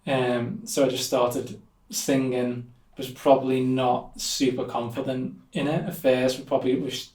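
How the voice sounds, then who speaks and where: Unhurried and with few pauses, this young musician from Liverpool, England rambles through an interview, leaning on lots of fillers in his local accent. His voice is mid-range and darkish, with little pitch movement. It's recorded in an echoey room from a somewhat distant mic.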